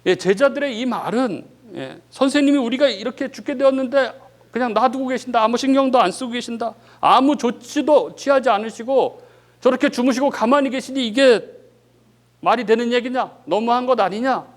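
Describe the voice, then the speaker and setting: A male pastor preaching a sermon with dramatic swings of voice, often saying "예" between phrases and dropping low and soft at the ends of sentences. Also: moderate pace. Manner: dramatic preaching that acts out the disciples' cries, rising and falling sharply; frequent filler "예" between phrases.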